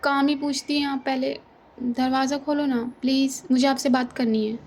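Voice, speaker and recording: A woman's voice: high voice, little pitch movement, moderate pace, darkish tone, slight background noise, pitched above the performer's own voice. A woman voicing a hurt, pleading young woman in an audio love story. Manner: pleading, insistent, near tears. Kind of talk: audio drama reading.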